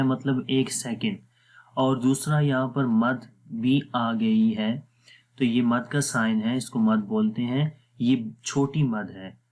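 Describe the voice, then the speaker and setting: Unhurried male Quran tutor with a Pakistani Urdu accent, mid-pitched, patient and methodical, stretching words to show the rules. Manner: patient, repeats words slowly to demonstrate. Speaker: Quran recitation teacher. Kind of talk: slow explanatory lesson.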